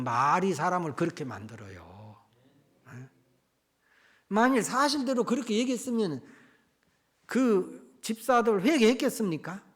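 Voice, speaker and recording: Animated male pastor telling a story. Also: on the high side, breathy edge. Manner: animated, swinging between loud and hushed. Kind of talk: storytelling sermon. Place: church.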